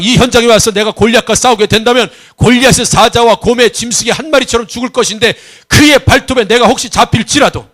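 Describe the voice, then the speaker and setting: A man with a notably high voice delivers a Sunday sermon as pastor. He is emphatic and keeps putting questions to the congregation. Now and then he tells a personal story and acts out the voices in it. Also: a bit bright.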